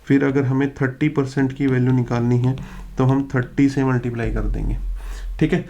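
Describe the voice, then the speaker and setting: Mellow-voiced male tutor explaining step by step. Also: mid-range voice, moderate pace. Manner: poses rhetorical questions and answers them, steady explanatory pace; mixes English technical phrases into the explanation. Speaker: teacher. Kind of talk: exam-prep lecture over slides.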